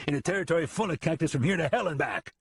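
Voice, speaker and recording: Brief: man voicing a cocky outlaw, husky, dry close read. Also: fairly high pitch, lively intonation, very fast, dry recording, pitched above the performer's own voice, heavily acted. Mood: scheming. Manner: snapping, cocky. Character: scheming, short-tempered outlaw man.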